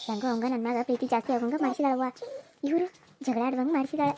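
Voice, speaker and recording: Woman doing a young cartoon wife, very high voice, quick argumentative. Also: crowd noise. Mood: scheming aside. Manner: argumentative, pleading, quick protesting. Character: young village wife, defiant and scheming daughter-in-law. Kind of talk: cartoon serial voice acting.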